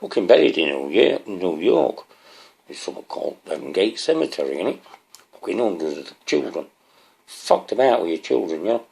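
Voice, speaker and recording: A man's voice: low-pitched, sing-song, moderate pace, vocal fry, darkish tone, breathy edge. A man rambling to his viewers in a swearing, ranting monologue, often asking them questions. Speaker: vlogger.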